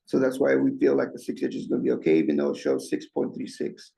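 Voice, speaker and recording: A man's voice: low voice, big pitch swings, fast, vocal fry, mellow. A man with slightly impeded speech from a swollen lip gives an informal, folksy update at a meeting as a staff presenter. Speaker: irrigation district staff presenter.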